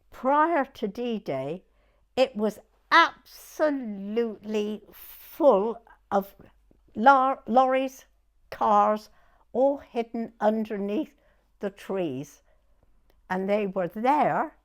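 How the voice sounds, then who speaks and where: A woman in her nineties from Dorset, England, with a southern English accent and a medium-pitched voice, shares her memories informally as an oral history interviewee. She speaks slowly and rambles, often breaking off a sentence partway and rephrasing it.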